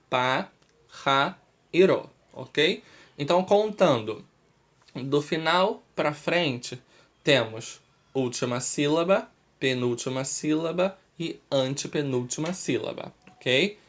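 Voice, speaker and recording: A man with a Brazilian Portuguese accent teaching a Spanish lesson to school students, explaining slowly and often checking understanding with "ok?". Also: on the high side, fairly bright tone. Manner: slow and deliberate, checks understanding with "ok?".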